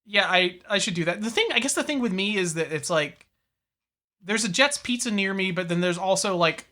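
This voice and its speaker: A man's voice: high-pitched, lively intonation, a little fast, sharp tone. A man co-hosting a podcast in casual, rambling, profane chat, now and then reading out news. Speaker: podcast co-host.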